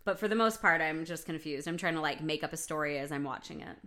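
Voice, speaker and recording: A woman co-hosts a casual chat, playful and chatty, bringing her stories to life. Her voice sits a little low for a woman. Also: fast. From United States. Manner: chatty, playful, animated storytelling. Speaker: podcast co-host.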